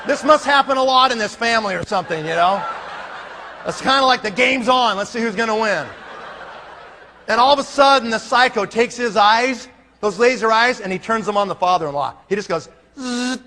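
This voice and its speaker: A man telling a comic story to a live audience, animated and laughing as he acts out scenes. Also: high voice, a little fast. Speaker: speaker. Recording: long hall reverb, faint room noise.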